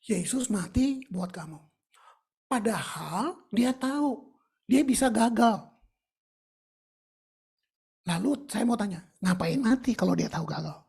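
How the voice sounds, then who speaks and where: A woman's voice: medium pitch, expressive, slow pace, vocal fry, pauses often, darkish tone, slightly rough. A woman preaching a sermon in a colloquial, emphatic way, with English phrases mixed in.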